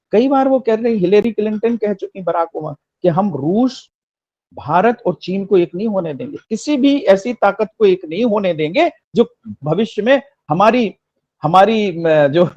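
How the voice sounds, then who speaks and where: A man with a high voice delivers fervent political commentary, hammering his points with repeated phrases. He sounds close and dry, with no room echo. The sound is a little dull and muffled. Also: lively intonation, moderate pace, darkish tone. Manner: rhetorical, emphatic, repeats phrases for effect.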